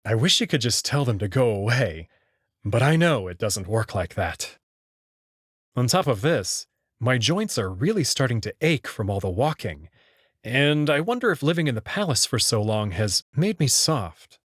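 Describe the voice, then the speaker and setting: A male narrator reads a visual novel's first-person story narration from a script, his medium-pitched voice moving through big pitch swings at a moderate pace. The recording is studio quality with no room sound, and music plays behind him.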